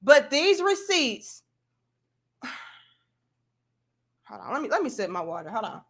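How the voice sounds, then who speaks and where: A woman livestream host with a somewhat high voice gives opinionated commentary. She is sarcastic and doubting, leaning hard on her points. Her wording is colloquial and aimed directly at the viewers. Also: very animated, unhurried, breathy edge. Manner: skeptical, sarcastically mimics opposing views; emphatic, punchy delivery with rhetorical questions.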